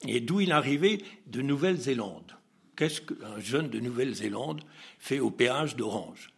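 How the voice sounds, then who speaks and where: A man with a husky, slightly rough voice tells an anecdote during an interview. He sits at an ordinary middle pitch and acts out the dialogue. He breaks into laughs and restarts his lines as he goes. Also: normal speed. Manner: lively storyteller who acts out dialogue and laughs often; hesitant, with frequent restarts. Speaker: interview guest. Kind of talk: telling an anecdote in conversation.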